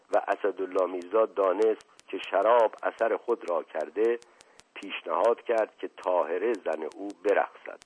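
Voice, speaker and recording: A man reading a novel aloud as narrator in a steady, measured storytelling manner. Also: lowish voice, breathy edge. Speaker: audiobook narrator. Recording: tinny phone-like audio.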